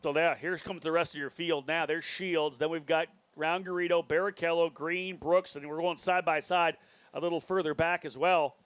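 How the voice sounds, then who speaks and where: Higher-voiced male motorsport commentator calling a race. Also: fairly even intonation, normal speed, a bit bright, clean tone, no room sound. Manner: running play-by-play, listing drivers and positions. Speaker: motorsport commentator, lead play-by-play.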